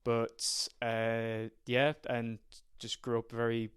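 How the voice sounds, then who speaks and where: Guesting on a casual podcast interview, a young man from County Durham, England, who works as a strength and conditioning coach, talks about his background. He's hesitant, full of ums and restarts, speaking slowly with a completely flat delivery in a clean, mid-range voice.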